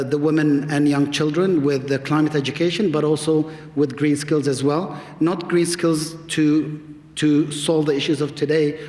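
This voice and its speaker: A man's voice: on the high side, darkish tone, echoey room, in a large hall. A man on a panel, speaking hesitantly with many fillers as he works through a list of points. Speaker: panelist, doctor.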